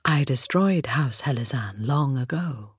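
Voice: mid-range voice, expressive, breathy edge, dry recording, studio quality, voice pushed down. A narrator voicing an imperious vampire queen. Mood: commanding. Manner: cool, commanding, measured. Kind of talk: audiobook character voice.

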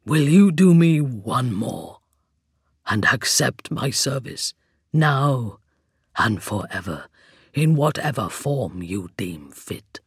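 A narrator voicing a solemn, devoted undead skeletal knight with a hollow, rasping voice and slow, grave, breathy whispers in an audiobook. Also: medium pitch, very animated, no room sound, clean studio sound, voice pushed down, exaggerated voice. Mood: grave devotion. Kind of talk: audiobook character voice.

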